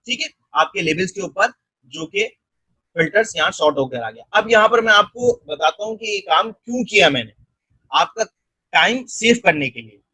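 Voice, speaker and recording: A man narrating a screen-recorded software tutorial step by step. He keeps checking in with the viewer and mixes English technical terms into his speech. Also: high voice, lively intonation, normal speed, slightly rough, no room sound, rough recording. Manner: step-by-step, repeating "theek hai" and "ye dekhen" to guide the viewer.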